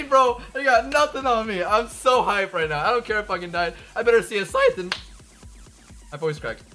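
A man streaming a video game, hyped up, shouting in bursts and swearing as he plays. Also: sits high. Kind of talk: excited gameplay streaming.

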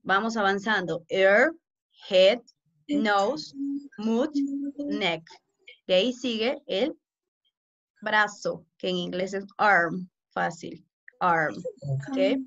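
A woman English teacher with a Peruvian Spanish accent, giving an online class slowly and with a lot of repetition. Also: medium pitch, a bit bright. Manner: slow and repetitive, code-switching. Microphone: video call. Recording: muffled video call audio, faint noise.

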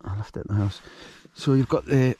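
Husky and warm, this man's mid-range voice moves briskly in a dry recording. He's an outdoor vlogger cooking and showing gear at a nighttime wild camp, chatting casually, joking and making rambling asides.

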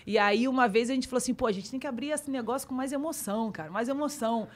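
A middle-aged woman, a podcast guest telling a story in casual chat, lively and acting out her own past dialogue. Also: on the high side, fast, slight background noise.

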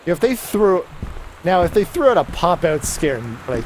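A man giving casual commentary as he streams a game, muttering asides and reading in-game text aloud. His voice sits fairly high, with faint noise behind it. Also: very animated, measured pace.

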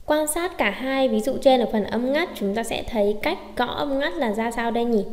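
A woman's voice: fairly high pitch, a little mellow. Echoey woman teaching, asking and answering. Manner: asks questions then answers them herself. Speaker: Japanese teacher. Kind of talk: explaining lesson.

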